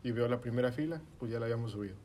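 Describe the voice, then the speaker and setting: A young man with a Mexican accent talks rapid-fire in a mid-range voice, telling his friends a story. The chat is casual, slangy and full of swearing, and he acts out his own shouting as if quoting himself.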